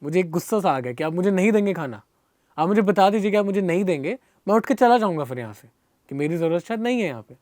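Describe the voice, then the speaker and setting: A man's voice: high-pitched, animated, quick pace, darkish tone, no room sound, clean studio sound. A young man with a Hindi accent telling a personal story in an interview, earnest and emotional, often restarting and repeating himself. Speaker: guest.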